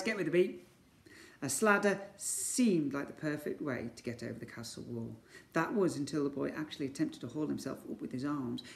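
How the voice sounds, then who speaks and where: This school story reader, a man whose voice is a little high and creaky, gives a children's tale a theatrical reading in an echoey room, calling out the sound words with gusto.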